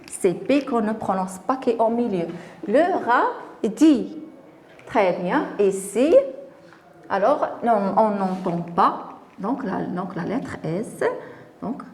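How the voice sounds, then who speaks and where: A woman's voice: a little high, darkish tone. A woman teaching a spelling lesson, repeating words and stressing them carefully for her pupils.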